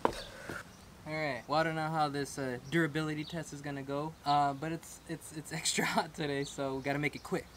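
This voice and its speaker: A man's voice: a little high, flat delivery, normal speed. Chatty man on a noisy camera mic. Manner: chatty, upbeat, laughs often. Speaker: collectibles reviewer. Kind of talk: casual product review. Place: at home, then outdoors.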